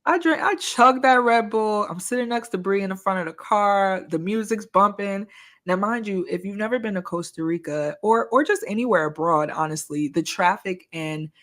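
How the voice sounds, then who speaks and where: A woman co-hosting a podcast, telling a personal story in casual chat, animated and full of "like" and self-mocking laughs. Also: medium pitch, normal speed. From United States. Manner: animated storyteller, heavy use of "like", laughs at herself. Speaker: podcast co-host.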